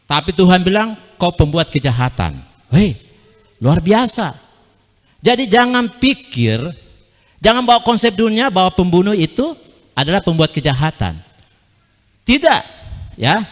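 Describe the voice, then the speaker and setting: A male pastor, preaching an animated sermon, acting out dialogue and asking the congregation rhetorical questions. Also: sits high, big-room sound.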